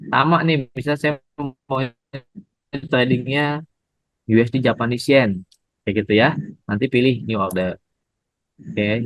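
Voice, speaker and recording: Seorang pria membawakan pelajaran trading daring secara langsung, sabar menjelaskan dan menyapa pendengar dengan "Bapak Ibu". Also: male voice, medium pitch, a bit bright, no room sound, poor audio. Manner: patient, addresses audience as Bapak Ibu. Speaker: trading instructor. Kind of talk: live online trading lesson.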